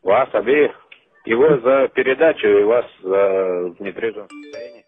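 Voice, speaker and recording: A young man answering a police duty line as a trainee, terse and matter-of-fact, with a gravelly, husky voice. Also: on the low side, measured pace, faint music behind. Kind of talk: official phone call. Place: phone call. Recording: tinny, band-limited phone line.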